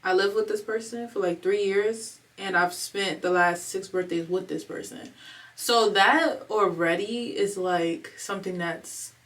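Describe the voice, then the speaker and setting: The vlogger, a woman in her 20s, has a fairly bright mid-range voice and keeps a measured pace. She rambles in slang through a casual, candid confessional at home, emotional and struggling not to cry, with her voice picked up a bit far from the mic.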